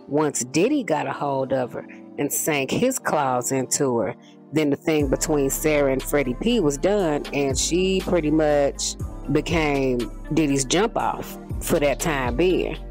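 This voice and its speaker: Woman with a very deep voice. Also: a little slow, a little mellow, soft background music. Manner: casual and slangy. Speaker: commentary channel host. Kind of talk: casual commentary.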